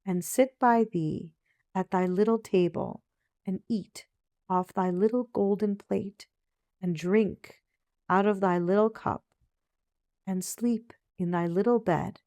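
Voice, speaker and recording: A woman voicing a bargaining, pleading male frog in a fairy tale read aloud, with deliberate, archaic speech. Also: mid-range voice, darkish tone, no room sound, studio quality.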